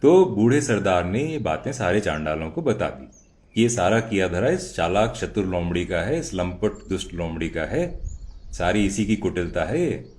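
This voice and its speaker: A man's voice: sits low, expressive, moderate pace, a little mellow. A man narrating a children's story dramatically, with sound words and idioms.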